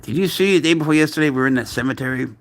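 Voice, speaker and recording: Guy doing a chill live stream, gravelly voice, baby-talks his cat, laughs a lot. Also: on the high side, very fast, slight background noise. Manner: doting, playful baby talk to his pet, laughs often. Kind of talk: casual live-stream chat.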